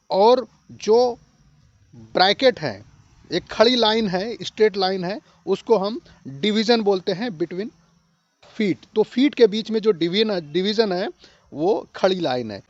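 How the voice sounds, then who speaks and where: A man teaching an English literature lesson, mixing Hindi and English, slowing down sharply on the English phrases and repeating points for learners. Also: sits high, no echo, muffled recording. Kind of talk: explanatory lesson.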